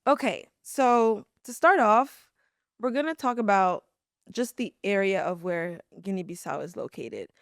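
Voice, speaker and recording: A young woman hosting a podcast, telling history in a lively, dramatic way. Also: mid-range voice, a little slow, no echo, clean studio sound. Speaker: podcast host. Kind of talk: casual chat and storytelling.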